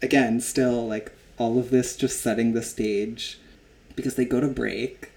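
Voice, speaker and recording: A man's voice: medium pitch, little pitch movement, measured pace, creaky, darkish tone. Man retelling a TV scene casually. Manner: storytelling, acting out quotes. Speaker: podcast host. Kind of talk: casual recap chat.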